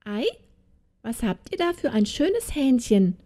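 A woman voicing a greedy, flattering old witch with a cooing, sing-song voice. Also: a little high, unhurried, voice pushed up.

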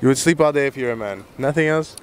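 Young man, street interviewer, teasing, swears a lot, middle pitch, outdoors near traffic. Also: fast talker. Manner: joking, teasing, swears freely. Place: outdoors on a city beachfront.

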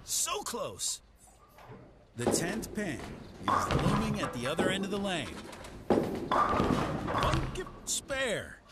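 A man's voice: high-pitched, huge pitch swings, slow pace, long pauses, heavy background noise, heavily acted. A man voicing the announcer of a bowling video game, giving short play-by-play calls on each throw. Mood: upbeat. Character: upbeat male bowling-alley game announcer. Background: loud game music.

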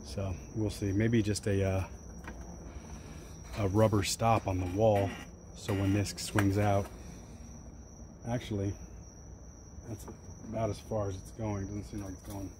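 In his forties and fairly low-voiced, this detailing business owner walks through his gear for a casual vlog, unhurried and rambling, with long pauses and plenty of ums and uhs. A camera mic picks him up outdoors beside a fenced wall, first at night and later in daytime, with crickets and insects filling the background.

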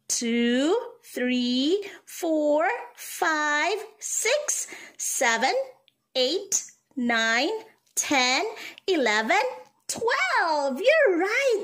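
Lady doing kids show host teacher talk, really high voice, slow and sing-songy, encouraging. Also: a bit bright. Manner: encouraging, sing-song, exaggerated teacher delivery with pauses for answers. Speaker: early-childhood teacher hosting a calendar lesson. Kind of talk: kids show host, teaching children directly with call-and-response questions.

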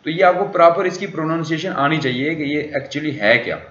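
Brisk and a bit bright, a fairly high-pitched man's voice delivers a language lecture, explaining vocabulary and repeatedly questioning his students. The recording sounds dull and roomy, like a classroom.

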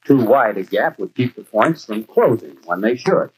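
Casting: man as instructive American shop expert, very varied pitch, 1940s educational film with soundtrack noise. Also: lively intonation, normal speed, natural voice. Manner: didactic, clearly explanatory. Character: brisk, instructive male garage expert. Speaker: actor playing a garage instructor. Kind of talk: 1940s training film acting, scripted instruction.

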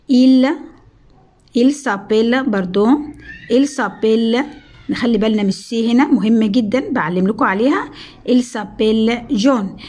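A woman with an Egyptian Arabic accent giving a French review lesson, drawing out the French words slowly and repeating them. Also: fairly high pitch, a little mellow. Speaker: French teacher.

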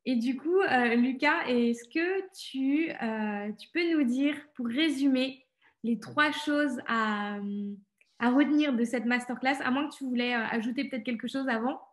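A woman's voice: high-pitched, a little slow, echoey room. A woman hosting an interview, who encourages her guest with enthusiastic questions. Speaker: interview host.

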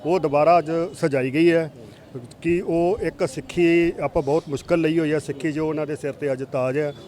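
A man who is a manager making an official statement in a news interview, measured and hesitant. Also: fairly high pitch, steady tone, a little mellow.

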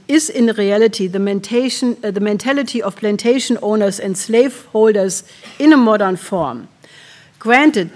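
A woman in her sixties with a German accent gives a keynote speech at a podium in a large hall, earnest and halting, often clearing her throat. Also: medium pitch. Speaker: keynote speaker. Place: large conference hall with audience. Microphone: podium microphone.

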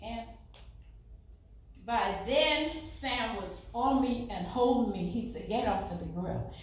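A middle-aged woman with a Southern US accent giving a fervent church testimony, rising to loud exclamations. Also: fairly high pitch, slow pace. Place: large church sanctuary. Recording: echoey church from far off.

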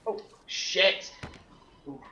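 A man's voice: very slow, sharp tone. A man commentating his game play, jumpy and swearing, exclaiming at every scare. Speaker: let's play gamer. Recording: echoey, slightly dull, faint noise.

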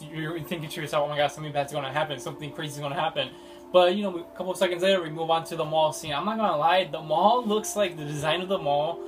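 Young male reviewer, slightly high voice, unscripted and rambling with constant fillers, music bed clearly audible. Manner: rambling, many fillers and restarts. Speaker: film reviewer.

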